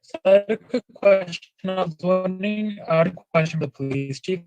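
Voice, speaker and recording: A man's voice: high voice, fairly quick, a little mellow, dry recording, soft background music, rough recording. A man asking a casual, word-searching question at a community meeting over a video call.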